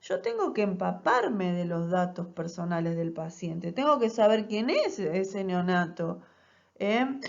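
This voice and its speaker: A woman's voice: lowish voice, animated, unhurried, vocal fry. Woman, nursing lecturer, explanatory, rhetorical check-ins, muffled lo-fi audio. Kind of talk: recorded online class.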